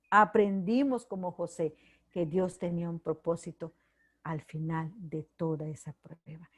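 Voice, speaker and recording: A woman's voice: fairly low pitch, a little mellow. A middle-aged woman giving a heartfelt devotional sermon, sharing personal testimony in an earnest way. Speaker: preacher.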